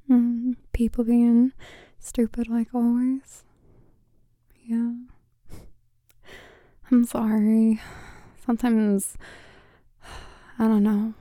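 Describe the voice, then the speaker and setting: A young woman speaks in a hushed, breathy whisper that drifts into gentle low talk, tender and soothing throughout. Her voice is a touch high yet very flat and unhurried, with a deeply mellow, warm tone. The sound is dry and close, as if right beside the ear. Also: no room sound. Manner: tender and soothing, with quiet laughs. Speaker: ASMR creator. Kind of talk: ASMR girlfriend roleplay.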